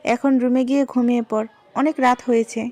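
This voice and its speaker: A woman voicing a caring middle-aged mother in an audio story. She speaks in a gentle, soothing way. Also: fairly high pitch, fairly even intonation, normal speed, close to an everyday voice.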